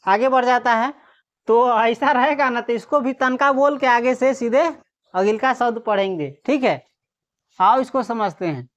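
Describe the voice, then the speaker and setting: Woman teacher drilling Hindi reading. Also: fairly high pitch. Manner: drills by asking questions and answering them herself; sounds out letters slowly one by one. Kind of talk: classroom lesson. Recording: dull lo-fi recording.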